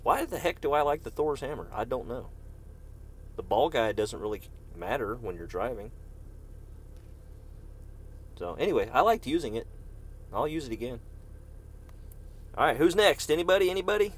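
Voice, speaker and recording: Husky and sing-song, this mid-range voice belongs to a gaming streamer speaking at a moderate pace with frequent pauses. He chats casually with viewers by name while he plays, breaking off at times in coughing fits.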